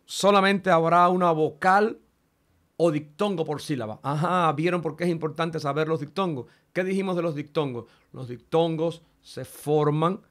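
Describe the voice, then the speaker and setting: Slow, patient man teaching Greek syllables. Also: fairly high pitch. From Cuba. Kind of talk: classroom lecture.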